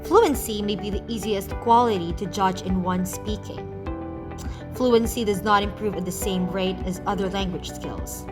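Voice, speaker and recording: A woman from the Philippines reading a scripted English lesson, with a clear, measured teaching delivery. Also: mid-range voice. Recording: music playing behind the voice.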